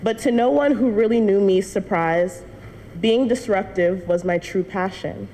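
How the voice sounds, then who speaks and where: A student in her young adult years addresses a church congregation, earnestly recounting her personal story with a few light laughs. Her medium-pitched voice is dark in tone and measured in pace. Sound from the church hall shows long reverb and a faint hiss.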